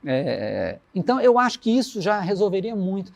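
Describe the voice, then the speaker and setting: A man's voice: high-pitched, very animated, vocal fry. Reflective Brazilian man in his sixties. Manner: warm storytelling, recites his lyrics slowly. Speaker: musician guest. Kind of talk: reflective interview talk.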